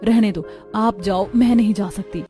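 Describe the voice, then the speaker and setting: A woman's voice: medium pitch, steady tone, normal speed, soft background music, natural voice. A woman voicing a meek, polite young village daughter-in-law. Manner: soft and polite.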